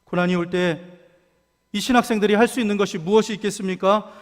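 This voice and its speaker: Impassioned pastor, high voice, church echo. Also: male voice, steady tone, quick pace. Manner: impassioned, swings from hushed to shouted cries. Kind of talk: sermon. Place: church sanctuary. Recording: long church reverb.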